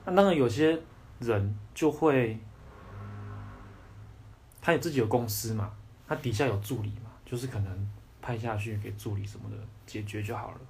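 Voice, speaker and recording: A man's voice: on the low side, moderate pace, long pauses, a little mellow, a little hiss or hum. A young man with a Taiwanese Mandarin accent hosting a casual livestream podcast, ranting bluntly and swearing freely. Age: young adult. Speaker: podcast host.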